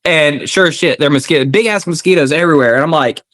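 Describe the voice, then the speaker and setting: Animated man telling stories. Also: a little high, fast, no echo. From Birmingham, Alabama, US. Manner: animated, profane, acts out quoted voices. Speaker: guest, combat veteran. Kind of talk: casual podcast storytelling.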